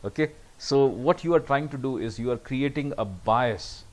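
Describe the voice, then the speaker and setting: A man's voice: mid-range voice, moderate pace, low-quality recording. A man giving a recorded lecture over slides, often saying "okay" between points.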